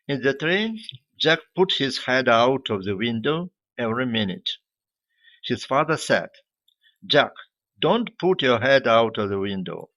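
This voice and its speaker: Slow, careful male teacher. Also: mid-range voice, pushed and bright, dry recording, lo-fi sound. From Ukraine. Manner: slow, careful, clearly articulated. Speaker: English teacher. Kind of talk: reading adapted stories in an online lesson.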